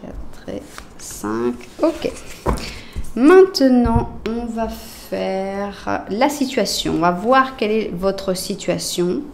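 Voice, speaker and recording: A woman with a French accent doing a casual tarot reading, talking straight to her viewers with lots of fillers and often dropping to a soft murmur as she lays out cards. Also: mid-range voice, lively intonation, takes it slowly, vocal fry, a little hiss or hum. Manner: chatty, addresses viewers directly, many fillers. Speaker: tarot reader.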